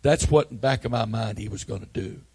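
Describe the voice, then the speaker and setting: Husky older male preacher telling a story. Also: lowish voice, quick pace. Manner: earnest, repetitive, builds from hushed to near-shouting. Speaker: pastor. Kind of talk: sermon storytelling.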